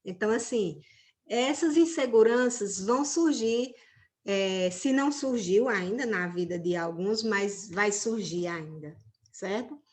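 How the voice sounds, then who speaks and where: A woman's voice: mid-range voice, unhurried. A woman teacher giving an online religion class to teenagers, talking in a conversational way and often checking in with her students.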